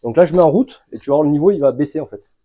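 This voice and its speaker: A man casually talking the viewer through a van oil change, relaxed and informal, with frequent filler sounds. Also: on the high side, rapid-fire. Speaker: mechanic hosting a tutorial channel. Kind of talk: casual how-to instruction.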